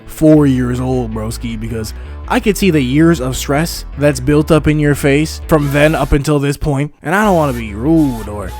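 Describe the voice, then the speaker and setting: Young man from Montreal for a comedic animated story-time narrator. Slangy and irreverent, mid-pitched. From Montreal, Canada. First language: English. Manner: casual, crude slang, joking asides.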